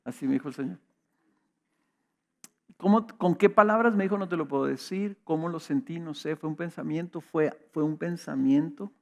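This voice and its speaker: A middle-aged man preaches, his voice a little high for a man and gravelly. He tells personal anecdotes in a relaxed, conversational way, often checking in with his listeners through quick rhetorical questions. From Mexico. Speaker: pastor. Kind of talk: sermon with personal storytelling.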